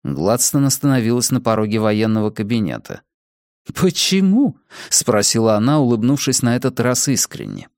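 A man narrating an audiobook in a measured, dramatic reading style. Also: fairly low pitch, very animated, a little mellow, no room sound, clean studio sound. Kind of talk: scripted narration.

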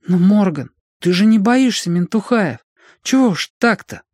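A man voicing a frightened orphan boy who pleads with his gang leader in a raised, high voice. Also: lively intonation, a little slow, darkish tone, dry recording, clean studio sound. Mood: pleading.

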